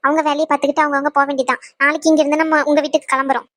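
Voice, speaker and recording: A woman's voice: sits high, level tone, a bit bright, no echo, studio quality. A woman voicing a young wife in a cartoon who scolds her husband in a hurt, indignant way. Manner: reproachful, rapid and indignant. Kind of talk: cartoon voice acting.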